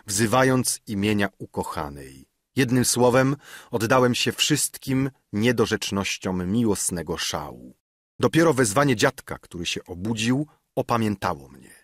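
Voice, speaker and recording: A man narrates a novel with a somewhat low, husky voice and a lively, expressive melody. The reading is emotional and carefully paced, recorded close and dry on a studio mic. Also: dry recording. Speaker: audiobook narrator.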